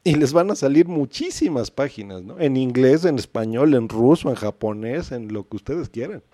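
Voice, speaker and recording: Chatty Mexican man, mellow voice. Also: medium pitch, expressive, moderate pace, dry recording, studio quality. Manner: chatty, asks "¿no?" often. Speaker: podcast host. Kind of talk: casual instructional chat.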